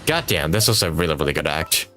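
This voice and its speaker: Over game music, a male streamer rambles through casual, enthusiastic livestream commentary with some casual swearing. His voice rumbles low yet sounds pushed and bright, and he talks fast with lively intonation.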